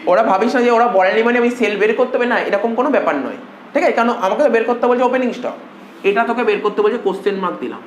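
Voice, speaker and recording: A fast-talking man teaching an accounting class, coaxing students with repeated questions. He is recorded in an echoey classroom, with a faint hum of room noise behind him. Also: very high voice, dull audio. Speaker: accounting tutor. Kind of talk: classroom lecture.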